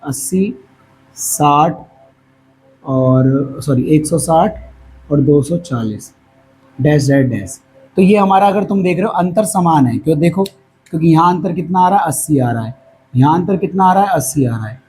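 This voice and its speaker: A hoarse male maths teacher speaks unhurriedly at a whiteboard, fairly high-pitched, animated and a little mellow, with long pauses. The audio is poor with faint background noise, and he patiently asks questions before answering them himself.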